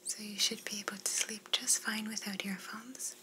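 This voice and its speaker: In a whispered role-play, a young woman acts as an attentive, courteous flight attendant, politely offering service. Her mid-range voice sounds natural, with fairly even intonation and a normal pace. The mood is courteous and soothing.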